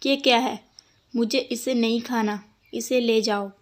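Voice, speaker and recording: Cranky old mother-in-law, shrill and scolding, put on by a woman. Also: fairly even intonation, unhurried, natural voice. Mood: grumbling. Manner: nagging, shouting complaints.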